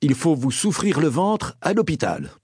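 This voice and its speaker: A man voicing a matter-of-fact doctor, asking questions in a low, measured tone. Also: wildly swooping pitch, darkish tone, husky, dry recording, clean studio sound, full character voice. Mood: serious. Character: sober middle-aged male doctor, matter-of-fact.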